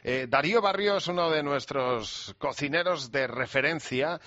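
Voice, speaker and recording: Bright-voiced male radio host. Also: fairly high pitch, moderate pace, dry recording, dull audio. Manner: lively interviewer, brief backchannels. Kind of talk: casual radio chat.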